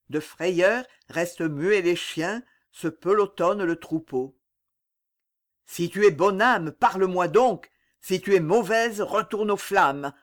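Woman reading an old shepherd, awed and earnest, slow storybook delivery. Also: lowish voice. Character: old shepherd man telling a ghostly sighting.

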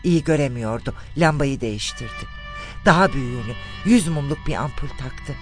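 Expressive male audiobook narrator. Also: medium pitch, moderate pace, soft background music. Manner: expressive, dramatic storytelling with shifting tone.

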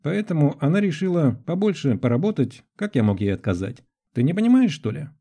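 A guilty, balding husband from an audiobook comedy scene, whining out excuses in a thin, raised voice, as a narrator plays him. The underlying tone is dark. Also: male voice, on the high side, sing-song, brisk, voice pushed up. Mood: whiny excuses. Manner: whiny, excuse-making.

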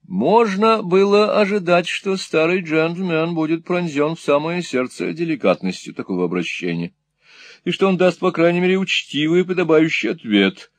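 A man narrating a classic novel in an expressive, theatrical storytelling way. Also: a little high, normal speed, dry recording. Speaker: audiobook narrator.

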